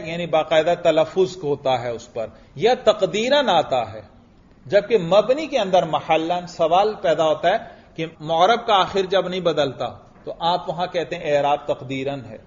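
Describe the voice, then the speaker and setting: During a classroom grammar lecture, a man with a high-sitting voice keeps putting questions to his students, then answers them himself and slowly chants example phrases. The recording is dull and lo-fi.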